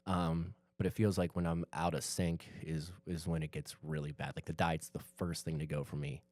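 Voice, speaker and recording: A man's voice: very deep voice, level tone, moderate pace, a little mellow, no room sound. A man co-hosting a casual group podcast, joking and self-mocking as he talks. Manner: laughing, self-mocking, loose. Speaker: podcast co-host.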